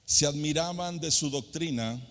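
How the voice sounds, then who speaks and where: A middle-aged pastor from San Luis Potosí with a Mexican accent preaches to young people in a large youth-conference hall, using sung emphasis and rhetorical questions. His voice is on the high side, a bit bright, at a moderate pace. Long hall reverb fills the recording.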